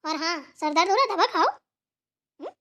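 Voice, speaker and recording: A woman's voice: extremely high pitch, animated, moderate pace, sharp tone, lo-fi sound, exaggerated voice. A woman voicing a stern elderly grandmother who scolds her daughters-in-law in an authoritative tone.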